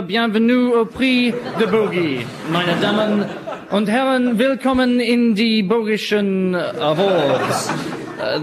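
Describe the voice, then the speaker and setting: A man playing a long-suffering disc jockey hosting a comedy awards show, hesitant and stiffly polite. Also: high voice.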